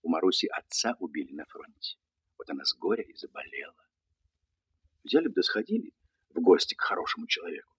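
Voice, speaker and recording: A man's voice: low-pitched, lively intonation, quick pace, a bit bright. An actor playing a kindly, fatherly former soldier who talks to children in playful mock-military style. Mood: gentle, fatherly. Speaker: actor in a dramatized story. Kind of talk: dramatic film or radio acting.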